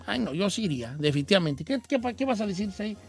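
A man playing a cranky, opinionated old Mexican grandpa who hosts a comic radio call-in show, in a high, reedy old-man voice with a Mexican accent. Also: very animated, quick pace, gravelly, a little mellow, slightly rough, soft background music, exaggerated voice. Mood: scolding. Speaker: radio host.

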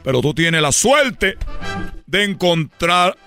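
A man voicing a grumpy male lamp genie with a Cuban accent, who turns exasperated and shouts when annoyed. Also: on the high side, big pitch swings, takes it slowly, faint music behind, exaggerated voice. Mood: grumbling.

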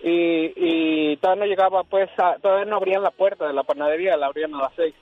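Man, radio caller, high husky voice, dull radio sound, animated storytelling. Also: fast, no echo, faint music behind. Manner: animated, acts out dialogue. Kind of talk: casual storytelling on air.

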